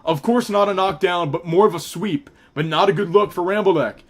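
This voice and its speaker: Brief: young male fight caller, slightly higher voice, quick and excitable, loose with fillers. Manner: fast, excitable, with restarts and fillers. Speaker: fight commentator. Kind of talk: live play-by-play commentary.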